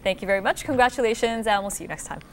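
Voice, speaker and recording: A woman's voice: fairly high pitch, racing, heavy background noise. A woman hosting a quiz show, addressing contestants and explaining answers.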